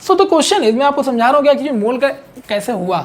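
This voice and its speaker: A man's voice: very high voice, animated, brisk. A man teaching a chemistry lesson in a conversational, repetitive way, often checking in with his students. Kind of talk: explanatory online chemistry lesson.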